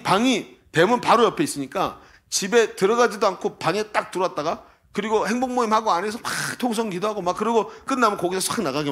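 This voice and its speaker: A male pastor preaching a sermon at a church service, telling a story in an animated, emphatic way. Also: high voice.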